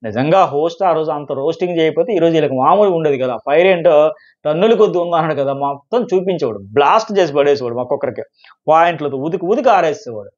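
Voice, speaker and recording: A man giving fast live commentary on a reality show, emphatic and excitable. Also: a little high, muffled recording. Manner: excited, emphatic, quotes contestants in quick bursts.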